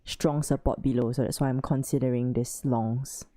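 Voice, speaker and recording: Low-voiced giggly woman livestream host. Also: normal speed. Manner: excitable, cheers on trades, giggly. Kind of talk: casual trading chat.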